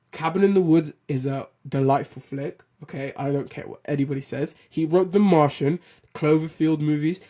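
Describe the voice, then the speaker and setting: The host of a film and TV news show delivers an opinionated solo rant in a loud, slightly high voice. He's animated and blunt, swearing casually and restarting his sentences.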